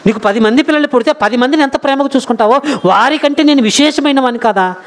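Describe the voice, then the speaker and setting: A man's voice: very high voice, fast, voice pushed up. A man preaching a sermon voices a loving husband who tenderly pleads with his weeping wife. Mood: pleading. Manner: coaxing, pleading, affectionate.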